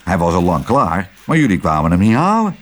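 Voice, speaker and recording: A man reading aloud, voicing a brisk, matter-of-fact garage mechanic. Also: sits low, huge pitch swings, faint music behind.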